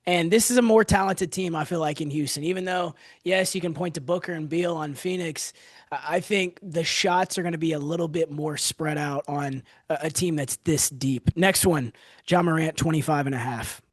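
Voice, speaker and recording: A man's voice: on the high side, normal speed, dry recording. A young man co-hosting a casual sports podcast, running segments and firing off lists of player names. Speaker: podcast co-host.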